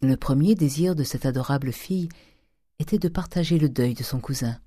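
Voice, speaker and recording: Measured, dark-voiced audiobook narrator. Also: medium pitch, no room sound, studio quality. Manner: measured, expressive reading. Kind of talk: scripted literary narration.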